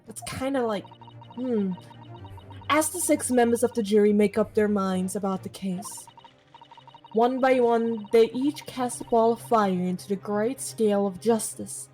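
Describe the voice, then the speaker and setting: High-voiced, sweary woman game streamer. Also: a little slow, dark tone, soft background music, low-quality recording. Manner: sweary, teasing asides. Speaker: game streamer reading dialogue aloud. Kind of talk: playful let's-play chat with read-aloud game lines.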